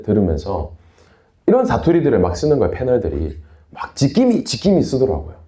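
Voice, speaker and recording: Lively Busan man preaching in a roomy hall. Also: medium pitch. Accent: Busan Gyeongsang dialect. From Busan, South Korea. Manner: chatty storytelling, refers to himself in third person. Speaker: youth pastor. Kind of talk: sermon to a youth group.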